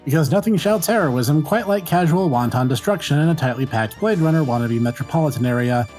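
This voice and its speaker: A man's voice: on the high side, animated, brisk, a little mellow, faint music behind. A man hosting a video game review, reading scripted comic narration in a dry, sarcastic way.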